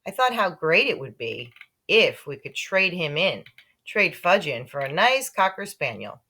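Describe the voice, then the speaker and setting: Reading a children's story aloud, a woman uses a slightly low, husky voice at a measured pace. Her pitch moves around a lot, giving the telling an expressive, animated shape.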